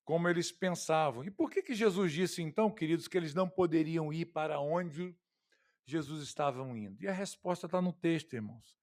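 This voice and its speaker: High-voiced pastor preaching. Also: male voice, fairly quick, a little mellow. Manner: conversational preaching, asks the congregation rhetorical questions. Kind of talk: expository sermon.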